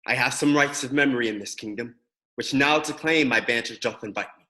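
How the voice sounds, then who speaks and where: An actor playing a proud young conquering prince in a solemn, declamatory Shakespearean style. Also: male voice, mid-range voice, brisk, bright, forceful tone, close to an everyday voice. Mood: grave, commanding. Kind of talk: Shakespearean stage acting.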